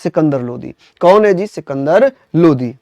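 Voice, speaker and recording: A man's voice: fairly high pitch, animated, measured pace, gravelly, a little mellow, no echo. A man teaching a history lesson to exam students, drilling facts by asking and answering his own questions, with chatty asides. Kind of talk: online exam-prep lecture.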